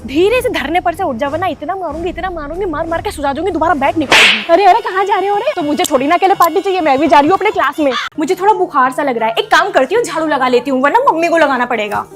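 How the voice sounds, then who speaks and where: A woman's voice: high voice, animated, fast, hardly any pauses. A woman performing comic school skits, playfully switching between characters. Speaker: sketch comedy creator.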